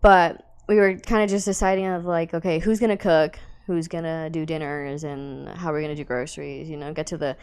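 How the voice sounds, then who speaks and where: A woman's voice: low-pitched, fairly even intonation, fairly quick, few pauses, darkish tone, clean tone. A young woman co-hosting a podcast, chatting casually and laughing often as she tells an emotional story. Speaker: podcast co-host. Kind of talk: casual chat.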